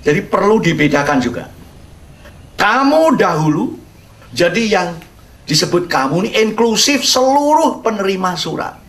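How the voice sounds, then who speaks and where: An older man, a pastor, giving an expository sermon as a humorous, animated storyteller who sprinkles in English words. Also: high voice, normal speed, distant mic.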